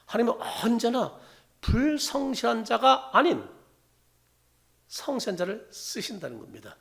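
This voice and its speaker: A man's voice: on the high side, gravelly. A middle-aged man preaching a sermon as pastor. He asks his congregation questions and answers them himself, rising and then dropping to near-whispers.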